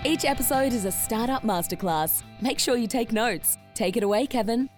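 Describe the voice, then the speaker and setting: A woman announces the show in a polished, upbeat read with a slightly high voice. Guitar music plays clearly underneath. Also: moderate pace. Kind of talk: scripted intro announcement.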